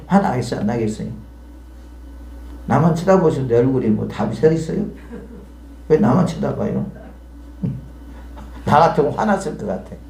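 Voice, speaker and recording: Korean pastor preaching in an echoey hall. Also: male voice, mid-range voice, dark tone. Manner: conversational preaching, asks the congregation questions. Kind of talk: sermon. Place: church hall.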